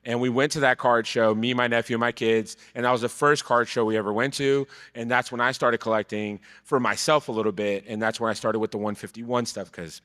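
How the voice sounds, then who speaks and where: A man in his thirties from Brazil, telling his story as a podcast guest in relaxed, casual talk that trails off quietly. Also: medium pitch, brisk, hardly any pauses. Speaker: podcast guest, card vendor. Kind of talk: casual chat. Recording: live event hall with long reverb.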